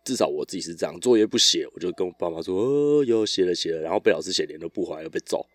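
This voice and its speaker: A man, chatting alone on his podcast in a loose, meandering storytelling style. His voice sits very low and is recorded dry and close, with no room sound around it. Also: very fast, no echo. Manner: relaxed, rambling storytelling with restarts. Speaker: podcast host. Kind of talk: casual solo podcast chat.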